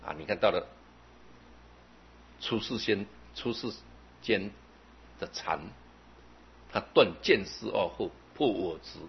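A man gives a Buddhist sermon, telling a story with frequent filler particles in a husky voice. His pitch moves lively up and down, and the recording sounds dull and lo-fi. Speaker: Buddhist teacher.

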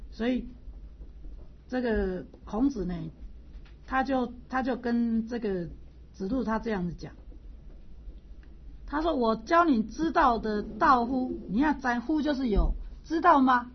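A woman's voice: on the high side, animated, measured pace, long pauses, slightly rough, highs cut off. A woman teacher explaining a classical text in a storytelling lecture style, repeating points and chuckling now and then.

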